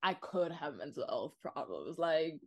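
A woman's voice: low-pitched, very animated, measured pace. A young woman from Nigeria, a podcast guest, speaking candidly and earnestly in casual chat. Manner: candid, earnest, many "like" fillers.

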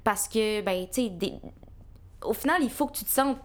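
A woman's voice: a little high, moderate pace. A woman in a casual panel chat, making her points emphatically.

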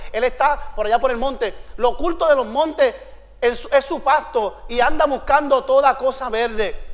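A man with a strikingly high voice preaching in a church, pressing the congregation with question after question and rising into shouts. Long reverb from the sanctuary hangs on every line. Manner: rhetorical questions to the congregation, building to shouted climaxes. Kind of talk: sermon.

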